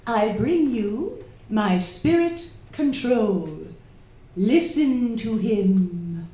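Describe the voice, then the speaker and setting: Bossy theatrical society wife, high pitched, indignant, radio drama on an echoey stage. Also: female voice, lively intonation, warm tone. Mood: grandly mystical. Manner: imperious, indignant, scolding, drawn-out theatrical delivery. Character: domineering, theatrical society hostess and would-be spirit medium wife. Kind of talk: live radio drama acting. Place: stage of a live theatre performance. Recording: roomy echoing live stage recording.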